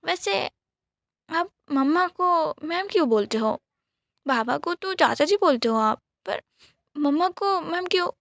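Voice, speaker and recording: Whispered role-play, woman voicing a bubbly young woman, high voice, dry close sound. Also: expressive, a little slow, vocal fry, no room sound, heavily acted. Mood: playful. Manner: soft, whispered. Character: tearful playful young woman, clingy.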